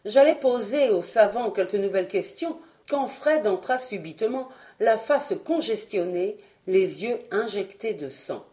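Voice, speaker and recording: Woman reading an old adventure novel aloud, very lively intonation. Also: medium pitch, a little slow, hardly any pauses. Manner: expressive first-person narration. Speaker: audiobook reader.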